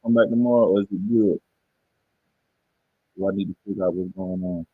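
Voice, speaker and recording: A deep-voiced man chats loosely with his viewers on a livestream. His voice is husky, and the dull audio makes him sound muffled, as if through a wall. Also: fairly even intonation, a little fast. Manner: laid-back, rambling, talks straight to his viewers. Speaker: livestream host. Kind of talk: casual livestream chat.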